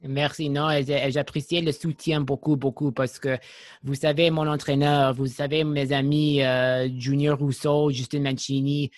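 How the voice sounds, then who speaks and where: Male podcast host, English speaker working through French, halting delivery, mid pitch, dry close sound. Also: little pitch movement, no room sound. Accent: English-speaking learner of French. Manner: slow and hesitant, many pauses and fillers. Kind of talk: interview chat in a second language.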